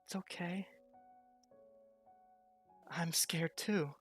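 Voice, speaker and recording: A game master voicing a tiny, frightened kobold child in a soft, shaky voice during a tabletop role-play. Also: mid-range voice, extremely slow, husky, soft background music, pitched above the performer's own voice, heavily acted. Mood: scared. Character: tiny frightened kobold boy, shy and hopeful.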